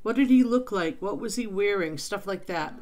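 A woman's voice: medium pitch, expressive, moderate pace. A middle-aged woman hosting a spirit box session in a casual, direct, questioning way. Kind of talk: casual vlog intro and slow questioning of a spirit.

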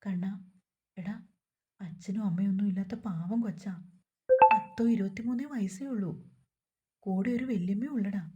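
A woman's voice: medium pitch, normal speed, pauses often, dull audio, over loud music, close to an everyday voice. A woman voicing a middle-aged mother who coaxes and scolds her grown son in a family story. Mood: coaxing. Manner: coaxing, scolding.

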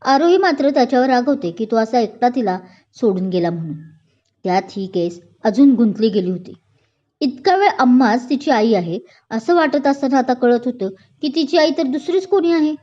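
Brief: female audio-story narrator, expressive, mellow tone, muffled lo-fi sound. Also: a little high, moderate pace. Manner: expressive, acts out the dialogue.

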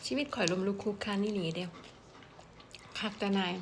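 A woman's voice: mid-range voice, fairly even intonation, brisk, a little hiss or hum. A woman with an Isan Thai accent chatting and telling stories while eating, in blunt slangy speech. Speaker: vlogger. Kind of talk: casual mukbang storytelling.

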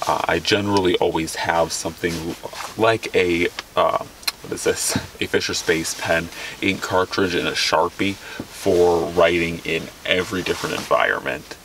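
A man's voice: sits low, steady tone, normal speed. A young man casually walking through his outdoor gear from the back of a vehicle, rambling and correcting himself as he goes. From Alaska. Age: young adult. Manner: rambling, self-correcting, enthusiastic about gear. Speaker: outdoors vlogger. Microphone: camera a few feet away. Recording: distant mic with clear background noise.

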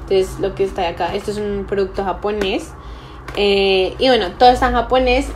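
Cooking at a table in a small room, a young adult vlogger chats to her camera in a relaxed but somewhat uncertain way. She speaks briskly at a medium pitch with a steady tone, and there's background noise.

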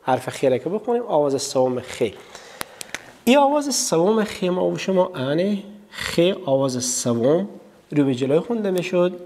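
A darkish, high-leaning voice with a big-room sound and a little hiss or hum belongs to a man with an Afghan Dari accent giving a televised literacy lesson. Speaking directly to his students, he asks and answers his own questions and draws out vowel sounds in repeated drills.

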